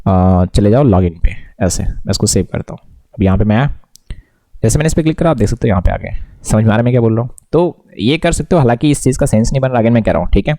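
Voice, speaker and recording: A man's voice: fairly low pitch, animated, quick pace, warm tone, no echo. A man giving a casual screen-recorded coding lesson, mixing English tech words into his talk and often checking whether the viewer follows. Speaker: coding tutor.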